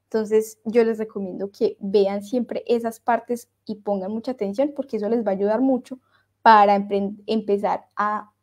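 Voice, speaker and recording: A woman teaching French in Spanish, slowly repeating words aloud to drill pronunciation. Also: mid-range voice, steady tone, a little mellow. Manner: switches between French and Spanish explanations. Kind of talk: online language lesson.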